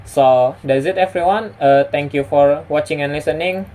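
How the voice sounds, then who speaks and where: A man's voice: on the high side, normal speed, mellow. A young man from West Sumatra, a native Indonesian and Minang speaker with an Indonesian accent, giving a prepared personal presentation as a student. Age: young adult.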